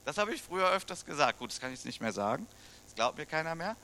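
A very animated middle-aged pastor from Germany talks fast, his voice fairly high and sharp. He preaches in a conversational style, often asking his listeners questions.

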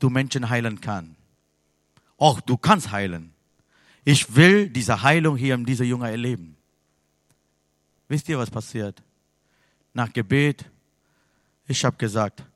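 A man from Sri Lanka preaching a sermon in with grammar slips, telling a story, then turning loud and emphatic. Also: mid-range voice, no room sound, clean studio sound. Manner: non-native German with grammar slips.

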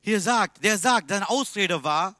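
A man preaching a sermon in a language that is not his first, emphatic and swinging between loud and quiet. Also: high voice, expressive, a little slow, no echo, clean studio sound.

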